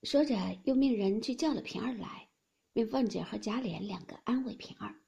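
A woman narrating a classical novel as an expressive audiobook storyteller. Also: fairly high pitch, moderate pace, creaky, breathy edge, muffled recording.

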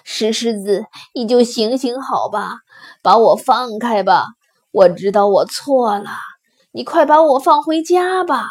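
A woman voicing a greedy, bossy grown man who shouts demands and threats. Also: on the high side, lively intonation, unhurried, husky. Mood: pleading.

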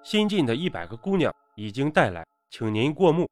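A man's voice: mid-range voice, sing-song, fairly quick, a little mellow, soft background music, close to an everyday voice. A man voicing a frightened servant in a spoken horror story, talking in an urgent, pleading way. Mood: deferential. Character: frightened male servant, kneeling underling.

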